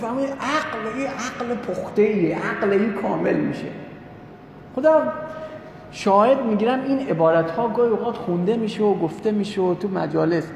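A man preaching a sermon, telling a religious story in an animated way and voicing the people in it. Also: high-pitched, creaky. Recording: echoey hall with long reverb, faint noise.

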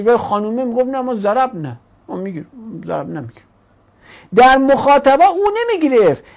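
With a slightly high, darkish voice, a grammar teacher quizzes her class and answers her own questions. She also performs grammar forms as speaking characters, each with a voice of its own.

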